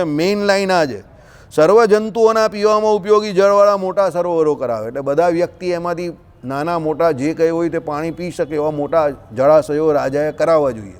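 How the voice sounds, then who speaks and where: Man, scripture discourse, conversational, high voice, reverberant hall. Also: darkish tone. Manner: conversational, checks in often with listeners. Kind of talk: religious discourse with folksy anecdotes.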